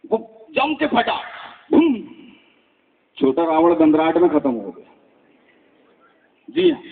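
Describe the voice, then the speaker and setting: A man's voice: extremely high pitch, slight background noise. A man doing live stand-up comedy as a mimicry artist, telling jokes and acting out the dialogue himself. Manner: animated storytelling, acting out dialogue in quotes. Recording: tinny phone-like sound.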